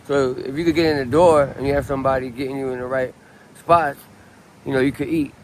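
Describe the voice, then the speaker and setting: Brisk and level-pitched, a late-thirties man from Southern California rambles through a casual outdoor street interview, relaxed but full of ums and restarts. The audio is poor, with faint city noise in the background.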